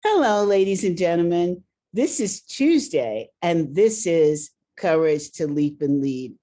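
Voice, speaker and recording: A woman hosting a podcast interview, brisk and emphatic as she asks her guest questions. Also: on the low side, dark tone. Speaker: podcast host and leadership coach.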